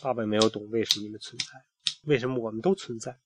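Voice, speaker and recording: A man reading a bedtime story aloud to his child, with soft, playful asides. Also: fairly low pitch, quick pace, very noisy.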